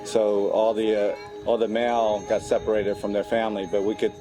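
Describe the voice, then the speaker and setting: A middle-aged man from Cambodia, recounting memories in a documentary interview in a reflective, halting way with many restarts. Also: lowish voice, level tone, low-quality recording. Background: background music.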